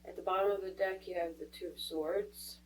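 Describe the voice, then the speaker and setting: Fairly low in pitch and brisk, this woman speaks with fairly even intonation while doing a casual tarot reading. Congested from a cold, she's chatty and reasons out loud as she works through the cards. The recording picks her up from a slight distance, over a faint hum.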